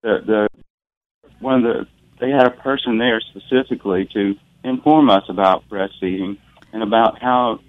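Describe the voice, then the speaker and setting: A man from Mississippi calling in to a radio show over the phone, earnest and halting, searching for his words. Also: fairly low pitch, dry recording. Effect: heard over the phone. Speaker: radio call-in caller. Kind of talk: call-in commentary. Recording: tinny phone line, dry.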